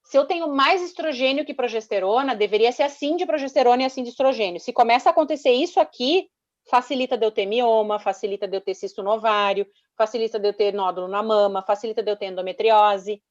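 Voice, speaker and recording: A woman's voice: fairly high pitch, fast, lo-fi sound. A woman doctor, explaining health topics on a video call and checking that she is understood. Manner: didactic, checks understanding with tag questions. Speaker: doctor giving a health talk. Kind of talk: explaining to an online audience.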